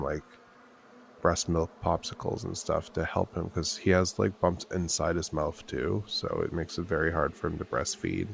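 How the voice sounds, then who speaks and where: Podcast co-host, man in his thirties, very low gravelly voice, worn out, rambling. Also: a little hiss or hum. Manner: rambling, restarting, trailing off. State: tired, low on sleep. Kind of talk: casual chat.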